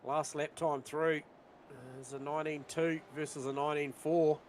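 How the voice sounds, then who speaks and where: A man doing live sim racing commentary, calling out lap times and battles on track, rising in excitement at overtakes. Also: fairly high pitch, normal speed, slight background noise.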